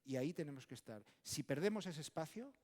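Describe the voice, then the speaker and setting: Un hombre español, autor de un libro, hablando en un panel de congreso, de manera enfática y enumerando ideas. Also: male voice, a little high, lively intonation, fast talker, darkish tone. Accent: Spanish from Spain. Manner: emphatic, lists ideas, frequent tag questions. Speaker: book author and speaker. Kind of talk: conversational panel talk. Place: conference hall. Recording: long hall reverb.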